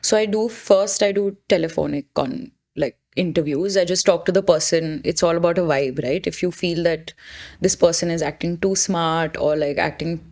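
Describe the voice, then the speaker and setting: A woman's voice: on the low side, normal speed, a little mellow. A woman with an Indian accent talking casually as a photographer in conversation, informally mixing in the odd Hindi word. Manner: informal, mixes in Hindi words. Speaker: photographer being interviewed.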